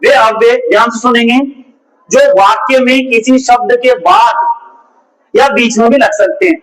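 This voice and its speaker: An extremely high-pitched, expressive male voice with a fairly bright tone speaks at normal speed over poor audio. He is a Hindi teacher leading a classroom-style grammar lesson, repetitive in manner and fond of rhetorical questions to his students.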